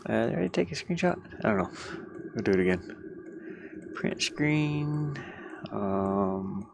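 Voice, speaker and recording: Inside a van with a diesel heater humming and clicking, a game developer works on a livestream, chatting casually and rambling as he thinks aloud. His fairly low, creaky voice has lively intonation and a measured pace.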